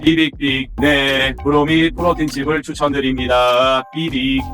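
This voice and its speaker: A man's voice: mid-range voice, little pitch movement, measured pace, a bit bright, faint music behind. A man voicing a beeping chatbot assistant in a robot voice, stiff and formal, calling out warnings. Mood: robotic. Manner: stiff, formal announcer delivery with warning calls. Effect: robot voice with beeps. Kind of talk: comic vlog skit.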